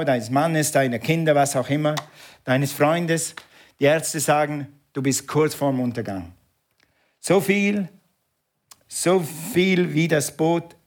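A pastor preaching with energy and leading his congregation in call and response. His voice sits a little higher than most men's. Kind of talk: sermon.

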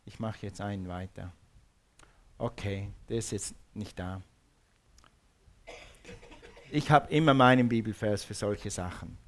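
A man's voice: fairly low pitch, unhurried, pauses often. A man preaching a sermon, fervent and repetitive, calling on the congregation to repeat words after him. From Switzerland.

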